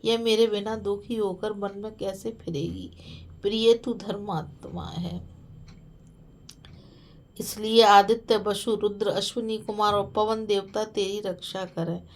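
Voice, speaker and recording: A grieving king weighs whether to leave his sleeping wife, voiced by a woman narrating the tale. His thoughts come out slow and sorrowful, at a middling pitch. The pace is very unhurried. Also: steady tone. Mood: torn, grieving.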